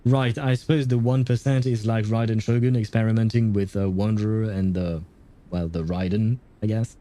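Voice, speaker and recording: A man's voice: on the low side, fairly even intonation, normal speed, warm tone. A man giving casual game playthrough commentary, hesitantly thinking aloud as he streams. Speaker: gaming streamer.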